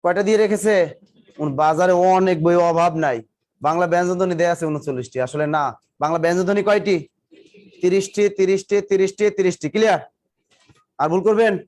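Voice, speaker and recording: A man's voice: high-pitched, fast, long pauses, a little mellow. A male teacher giving a live classroom lecture, drilling students with repeated questions and teasing or scolding them. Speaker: exam coaching teacher.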